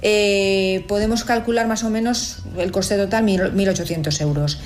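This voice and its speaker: A woman's voice: medium pitch, moderate pace. Composed Spanish woman in her fifties. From Spain. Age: 50s. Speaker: interviewee. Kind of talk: recorded testimony.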